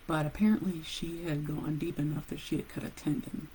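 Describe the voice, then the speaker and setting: A woman who works as a nurse, casually telling a personal story with animated pauses and laughs. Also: low voice, slight background noise, poor audio.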